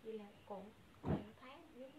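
A woman making quiet, offhand remarks from the side of a conversation. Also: mid-range voice, fairly even intonation, fast, reverberant.

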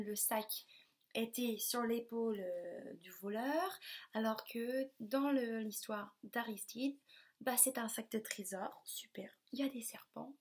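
A woman teacher speaks to young children at a very unhurried pace, her voice pitched a touch high. She sounds out syllables one by one and keeps each step simple. She encourages the children often throughout the lesson. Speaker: primary school teacher. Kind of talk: remote phonics and maths lesson for young children.

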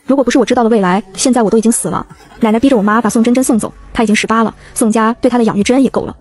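A woman narrating a first-person novel as an audiobook reader, in a brisk storytelling manner. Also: fairly high pitch, a little mellow, breathy edge, faint music behind.

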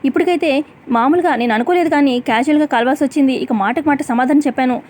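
A woman voicing a bold, righteous woman who lectures sharply and talks back, in a quick serial recap. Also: sits high, darkish tone, natural voice. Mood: resolute. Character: bold righteous woman scolding an arrogant rich lady.

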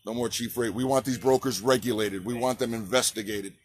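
Outdoors by a park on a city sidewalk, a trucker activist in his forties makes an impassioned protest speech, repeating slogans and urging the crowd to call back. He has a mid-range voice with fairly even intonation and talks a little fast, recorded on a phone held at arm's length.

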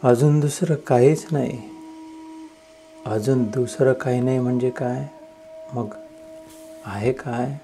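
A man's voice: medium pitch, steady tone, takes it slowly, pauses often, over music. A man leading a devotional guided meditation, speaking reverently and chanting verses. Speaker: spiritual speaker.

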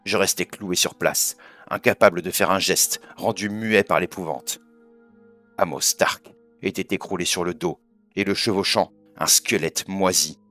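A man reading a horror story aloud in a measured, solemn way. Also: low-pitched, fairly bright tone. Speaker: audiobook narrator.

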